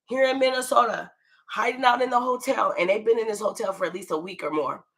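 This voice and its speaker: This woman's voice is on the high side and a bit bright, her intonation fairly even and her pace fast. She's American, swearing freely as she shares a personal story in casual slang, acting out people's lines and checking in with her listener.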